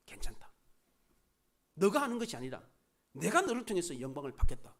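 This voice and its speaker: A male pastor speaking as the Lord, calmly reassuring a believer. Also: a little high, a little fast, voice pushed down, full character voice.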